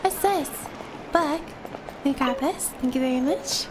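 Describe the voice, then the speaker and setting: Stuffy from a cold, a woman streams a game and chats casually with her viewers between game lines. Her voice sits high and a little slow, with background noise in the clip.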